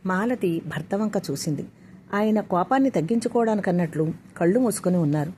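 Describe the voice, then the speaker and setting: A woman storyteller reading a scripted story aloud in a steady, even way. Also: lowish voice, brisk, slight background noise.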